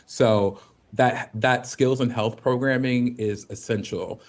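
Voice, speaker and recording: A man hosting a casual livestream chat as co-CEO, upbeat, chatty and quick to laugh. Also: medium pitch, fairly even intonation. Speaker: co-CEO and host. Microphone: video call.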